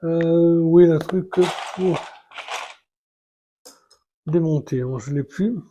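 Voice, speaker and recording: Working through a Lego model, this vlogger narrates casually in an unhurried, homely manner, his pitch a bit high for a man. He hesitates a lot, uses many fillers, restarts often and counts pieces under his breath. There is background noise.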